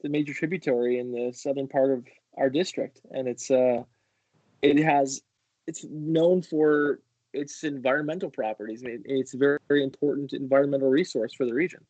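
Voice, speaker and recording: A man's voice: medium pitch, steady tone, fairly quick, darkish tone, no room sound, muffled recording. A man hosting a casual livestream interview, chatty and eager, often restarting his sentences. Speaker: host.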